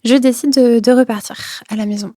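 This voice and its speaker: A woman's voice: a little high, steady tone, fairly quick, mellow, dry recording, studio quality. A young woman recounting a personal experience, hesitant, with many fillers and repeated words, sometimes dropping to a near whisper. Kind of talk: personal testimony.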